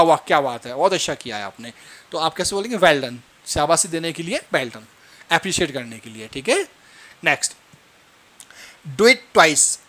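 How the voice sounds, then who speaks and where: A man teaching spoken phrases, repeating each phrase and checking that it is clear. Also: high-pitched, sharp tone. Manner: explains each phrase slowly, repeating it, often asking "clear?". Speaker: English teacher. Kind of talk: spoken English lesson.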